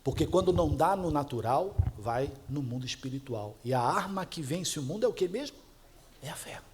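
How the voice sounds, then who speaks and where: Man, Brazilian Portuguese accent, pastor, sermon, chatty storyteller, laughs easily, slightly high pitch. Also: lively intonation, normal speed, slight background noise. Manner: chatty, laughs at his own stories.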